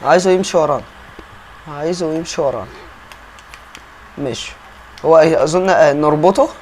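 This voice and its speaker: With an Egyptian Arabic accent and a somewhat high voice, a young man rattles off casual, chatty gameplay commentary, often addressing viewers. The tone is darkish, with a little hiss or hum. He's a gaming YouTuber.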